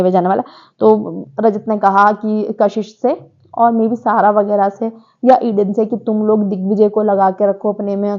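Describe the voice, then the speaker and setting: A woman with a medium-pitched, mellow voice gives a chatty, opinionated recap of a reality show, addressing her viewers directly. The sound is lo-fi.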